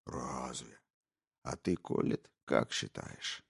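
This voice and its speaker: A man voicing a cold, menacing male captor who taunts his hostages in a slow, hushed, gravelly half-whisper. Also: rumbling low, pitched below the performer's own voice, exaggerated voice. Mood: taunting.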